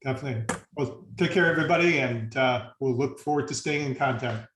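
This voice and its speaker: A man's voice: medium pitch, a little fast, fairly bright tone, a little hiss or hum. A man hosting a casual online panel discussion, easygoing, with lots of uh fillers as he wraps up. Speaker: host. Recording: roomy video call audio.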